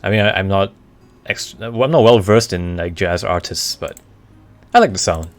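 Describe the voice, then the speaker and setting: A man with a deep, low voice talks casually to his live stream audience over faint background music. He answers questions hesitantly, often stopping to search for the right word before carrying on. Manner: hesitant, halting, searching for words. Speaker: streamer, VTuber.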